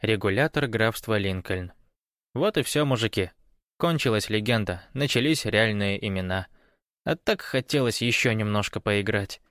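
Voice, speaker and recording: A man's voice: fairly low pitch, expressive, normal speed, a bit bright, smooth, no room sound, studio quality. A man voicing a gloomy, wry man who speaks in a mournful way.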